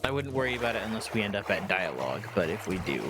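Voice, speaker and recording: On a remote voice call with game music in the background, a man guests on a game stream, helping out. His lowish voice is fast with big pitch swings, and he chats casually but a bit hesitantly, trailing off and dropping small interjections.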